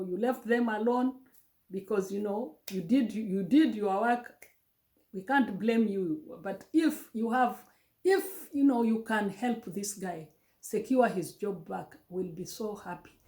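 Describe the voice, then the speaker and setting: A woman's voice: fairly high pitch, darkish tone. A woman with a Kenyan accent giving emotional commentary on a story, pleading and impassioned, often stammering and restarting her sentences. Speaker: vlogger. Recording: roomy echo.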